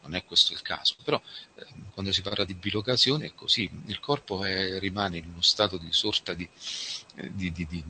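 A man giving a spiritual talk, reflective and slow, addressing his listeners as friends and reading them a testimony. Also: low-pitched, bright, forceful tone, slight background noise. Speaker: religious speaker.

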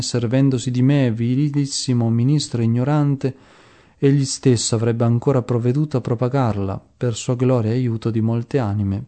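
A man reading the part of a humble, dying old saint. He prays slowly and solemnly, pleading for mercy in a low, mellow voice. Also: natural voice. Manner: slow, solemn, pleading prayer. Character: dying elderly male saint, humble, pious.

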